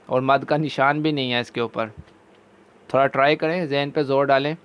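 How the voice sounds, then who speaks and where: A man with a Pakistani Urdu accent teaching Quran recitation, chanting verses slowly and drawn out between brisk explanations. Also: medium pitch, steady tone, clear, resonant tone, dull audio. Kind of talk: recitation lesson.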